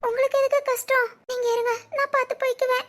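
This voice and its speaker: A woman voicing a young wife and college student in an animated family drama, speaking with a Tirunelveli Tamil accent, soft and pleading. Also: very high voice, quick pace. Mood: tearful. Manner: pleading, tearful, soft-spoken.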